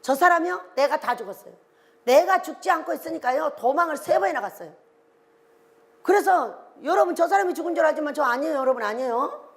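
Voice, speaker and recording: An older woman preaching a sermon, animated and exclaiming, firing questions at her congregation. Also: sits high, a little fast.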